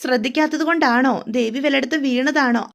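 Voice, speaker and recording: A woman's voice: high voice, quick pace, gravelly. A woman voicing an elderly grandmother who keeps pressing her weeping daughter with questions. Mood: alarmed. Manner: coaxing, repeated pressing questions. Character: elderly grandmother, pleading and insistent.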